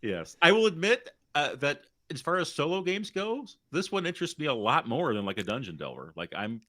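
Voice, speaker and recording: A man's voice: on the high side, sing-song, brisk, fairly bright tone, dry recording. A man co-hosting a podcast, chatting casually, who teases his co-host and laughs often. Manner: teasing, playful, laughs often. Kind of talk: casual chat.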